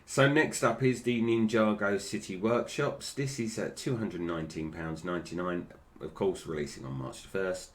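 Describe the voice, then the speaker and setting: A man's voice: low-pitched, moderate pace, few pauses. A British man giving casual, unscripted toy review commentary, with slightly slurred, toothless articulation that stumbles over names.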